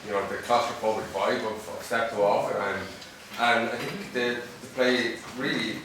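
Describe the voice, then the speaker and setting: A man's voice: medium pitch, fairly even intonation, normal speed, noisy background. Man asking a rambling question. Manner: rambling, filler-heavy, earnest. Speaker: audience member asking a question. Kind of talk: audience question at a Q&A. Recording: echoey hall, distant mic.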